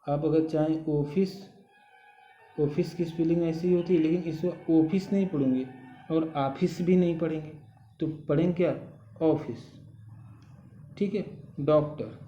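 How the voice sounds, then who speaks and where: A man's voice: a little high, steady tone, warm tone, slight background noise. A man teaching a grammar lesson, explaining step by step and often checking in with the listener. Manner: slow, patient explaining with frequent "ठीक है" check-ins. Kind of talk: recorded Hindi grammar lesson. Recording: dull echoey room sound.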